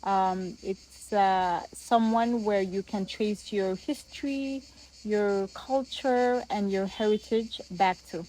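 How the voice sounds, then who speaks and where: A woman from Sudan, a guest, explaining family wisdom gently and thoughtfully with small pauses. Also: medium pitch, a little hiss or hum, rough recording. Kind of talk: casual explanation.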